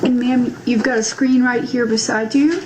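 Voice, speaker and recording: A woman's voice: fairly high pitch, steady tone, normal speed. A woman speaking as a judge, giving procedural remarks in a courteous, plain-spoken way. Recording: noisy courtroom ambience.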